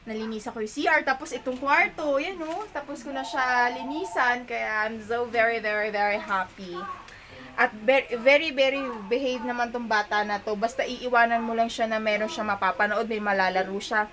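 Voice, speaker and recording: A woman's voice: on the high side, pushed and bright. A young Filipino woman with a Filipino accent, chatting casually to viewers in a home vlog, recorded by a camera on a tripod in her bedroom. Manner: chatty, addresses viewers as sisters, mixes in English. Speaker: vlogger and young mother.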